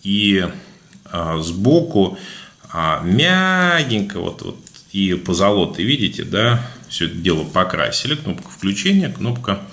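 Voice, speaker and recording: Low-voiced man with burred r's. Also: big pitch swings, measured pace, fairly bright tone. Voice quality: burred, defective r sound. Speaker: unboxing video blogger. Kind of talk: casual product review monologue. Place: indoors, at a table, hands-only shot.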